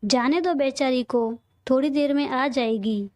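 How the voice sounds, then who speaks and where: A woman's voice: high-pitched, measured pace, a little mellow, no echo, studio quality. A woman reading a kindly middle-aged father.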